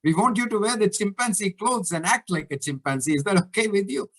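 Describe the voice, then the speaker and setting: A man's voice: high voice, fairly quick, fairly bright tone. A man voicing a friendly male zookeeper who offers a job in a told story, in a plain coaxing storyteller's voice.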